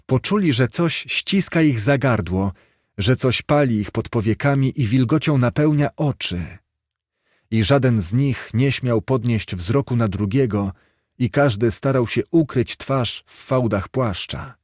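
A man's voice: mid-range voice, animated, a little slow, darkish tone, no echo, studio quality. Man reading an old-style tale solemnly. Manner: solemn, archaic storytelling. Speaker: narrator. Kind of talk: storybook reading.

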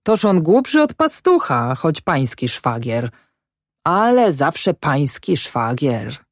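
Lady doing a grumpy peasant farmer guy, country talk, jumpy pitch, dry sound. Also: sing-song, slow, no echo, heavily acted. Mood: amused muttering. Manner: rustic dialect speech, grumbling, shouting at times. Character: excitable middle-aged male peasant farmer, rustic.

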